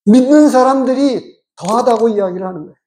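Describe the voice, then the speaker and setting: A pastor giving a measured, explanatory sermon and asking the congregation rhetorical questions. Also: mid-range voice, mellow.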